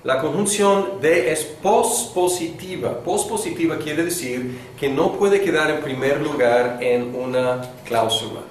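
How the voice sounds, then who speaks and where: A male teacher lectures a class at a slow, unhurried pace, pausing on fillers as he thinks aloud. His voice sits at an ordinary middle pitch. He is recorded from a distance in a strongly echoing classroom with faint background noise. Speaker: Greek teacher. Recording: echoey classroom from a distant mic.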